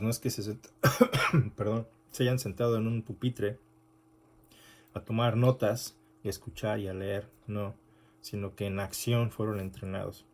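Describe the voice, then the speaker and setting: A man's voice: lowish voice, a little mellow. A male pastor preaching an unscripted sermon, correcting himself often and adding rhetorical asides.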